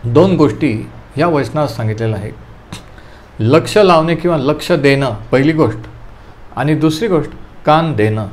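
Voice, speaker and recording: A preacher guides a Bible study, teaching calmly and asking listeners to underline verses while mixing in English terms. His voice sits on the high side, and he speaks at a moderate pace.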